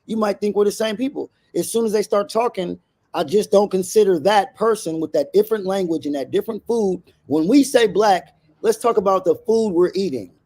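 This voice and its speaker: A man's voice: sits high, fairly quick, mellow. A man co-hosting a casual talk show, explaining himself in defensive, rambling bursts with many restarts. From Honduran family, raised in America. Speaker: co-host. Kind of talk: casual debate chat.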